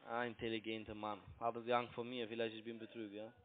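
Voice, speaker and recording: This man has a lowish, flat voice with little pitch movement and a fast delivery. Raised in Italy with Italian as his native tongue, he works as a call center trading broker and mocks and pressures the listener in broken German over a tinny phone connection.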